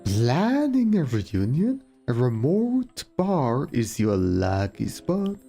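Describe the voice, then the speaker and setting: A woman voicing a mystical video game fortune teller in a slow, dramatic, drawn-out manner. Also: rumbling low, wildly swooping pitch, mellow, faint music behind, exaggerated voice. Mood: cryptic.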